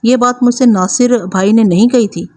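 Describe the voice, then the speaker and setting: A woman's voice: a little high, darkish tone, lightly acted. A woman narrator voicing an innocent, eager eight-year-old village boy in a storybook reading, who answers earnestly.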